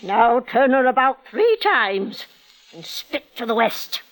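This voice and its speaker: An older actress voices a defiant, secretive old village healer in a 1940s radio drama, using theatrical, archaic speech. Her female voice is a little high and slow, with big pitch swings, and she sounds urgent and commanding.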